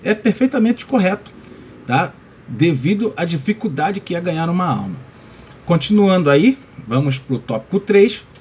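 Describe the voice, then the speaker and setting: Casual Brazilian-style pastor with fillers. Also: male voice, medium pitch, darkish tone, slight background noise. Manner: addresses listeners as "irmão". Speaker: pastor teaching Sunday school lesson. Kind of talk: Bible lesson talk.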